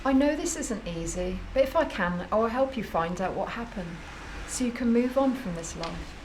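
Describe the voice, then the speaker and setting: A woman's voice: medium pitch, lively intonation, moderate pace, noisy background, close to an everyday voice. Madam Leona, woman playing a kindly old medium. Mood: gentle. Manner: gentle, calls others child. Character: old eccentric female psychic medium, kindly.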